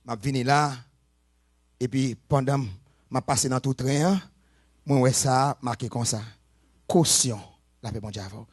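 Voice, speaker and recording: A man preaching a sermon, moving between soft talk and shouted, sing-song preaching. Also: mid-range voice, fairly even intonation, normal speed, husky, no room sound, studio quality.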